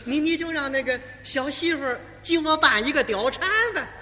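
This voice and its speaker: A man voicing a bossy old woman, the mother of a warlord, who scolds and shouts demands in a live comic routine. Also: very high voice, moderate pace, big-room sound, exaggerated voice. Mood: demanding.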